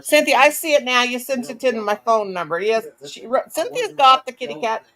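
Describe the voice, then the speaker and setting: A woman's voice: fairly high pitch, animated, a little fast, a bit bright, low-quality recording. A woman hosting a casual crochet video call, chatty and folksy, teasing her friends. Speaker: host of a crochet livestream. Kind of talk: casual group video chat.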